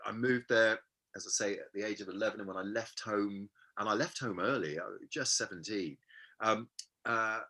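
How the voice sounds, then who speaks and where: A man in his fifties from Hampshire, England, recalls his childhood as a guest in a relaxed interview. His fairly low voice sounds pushed and bright, and he is self-deprecating and halting, leaning on lots of fillers.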